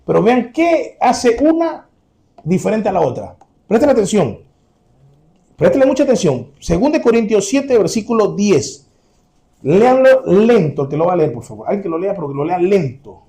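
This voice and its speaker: A man's voice: high voice, sing-song, moderate pace, dark tone. A man preaching a sermon to his congregation, earnest and direct, repeating his key points.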